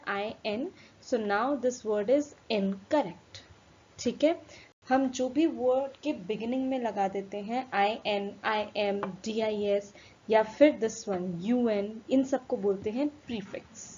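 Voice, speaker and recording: A woman teaching an English lesson, switching between Hindi and English and spelling words letter by letter, slowing down for English definitions. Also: on the high side, a little mellow. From India. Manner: slows right down for English definitions. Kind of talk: recorded classroom lesson. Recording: dull lo-fi recording with faint room noise.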